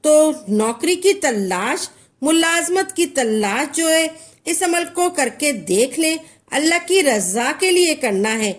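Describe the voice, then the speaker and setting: A woman giving spoken religious instruction, explaining a devotional practice step by step and reciting Arabic verses in a calm, repetitive way. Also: sits high, takes it slowly.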